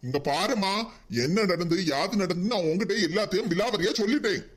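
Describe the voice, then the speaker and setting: A man's voice: sits high, a little fast. A man voicing an exasperated married son in a cartoon, with a Kanyakumari Tamil accent, pleading and reasoning with his mother. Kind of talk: cartoon voice acting.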